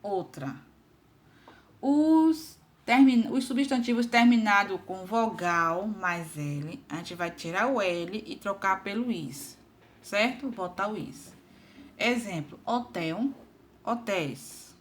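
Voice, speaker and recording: A woman's voice: mid-range voice, expressive, takes it slowly, a little hiss or hum. A woman teaching an online grammar lesson, patiently spelling out examples and checking in with her students often.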